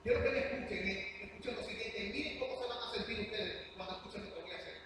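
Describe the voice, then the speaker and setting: A man preaching a sermon in church, earnest and emphatic, moving between soft passages and loud ones. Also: sits high, fast. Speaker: pastor. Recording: echoey church hall, distant mic, hum.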